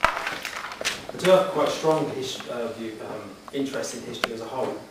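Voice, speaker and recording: A man's voice: medium pitch, moderate pace. Earnest man in a very echoey hall. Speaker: job applicant answering interview questions. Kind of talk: formal interview answers before a room. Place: echoey meeting room, addressing the room. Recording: very echoey hall, distant mic, background noise.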